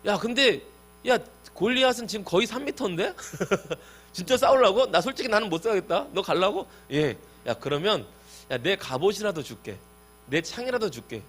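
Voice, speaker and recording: A man's voice: on the high side, sing-song, moderate pace. A man voicing an easygoing king who jokingly doubts a young volunteer and admits he won't fight himself. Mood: incredulous. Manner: chummy, joking disbelief.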